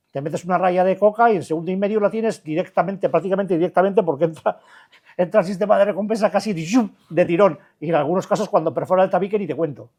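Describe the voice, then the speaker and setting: A man's voice: high-pitched, a little mellow. An older man with a Spanish accent from the Basque Country, giving a blunt, colloquial talk to a recovery group, full of restarts and rhetorical questions. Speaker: addiction recovery counselor.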